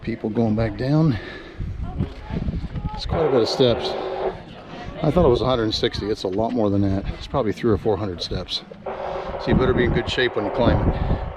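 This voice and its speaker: Male travel vlogger, outdoor handheld recording with steady background noise, chatty and eager. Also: on the low side, moderate pace, pauses often. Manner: chatty, enthusiastic tour-guide talk. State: out of breath while climbing. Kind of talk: casual travel vlog narration. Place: outdoors at a railroad overlook.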